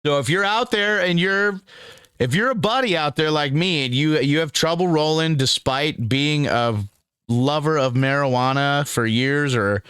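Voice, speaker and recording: A man's voice: on the high side, measured pace, a bit bright, smooth, dry recording, clean studio sound. Laid-back young man reviewing on camera. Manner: laid-back and rambling, calls the viewer dude and man. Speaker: cannabis strain reviewer. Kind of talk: casual review vlog.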